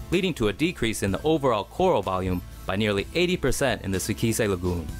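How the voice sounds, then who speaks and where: A man narrating a scripted news story in a serious, measured way. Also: on the low side.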